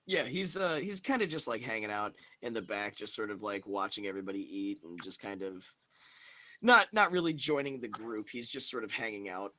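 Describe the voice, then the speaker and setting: A man's voice: on the low side, fairly quick, pushed and bright. A young man narrating as game master of a tabletop game, chatty and loose, laughing often.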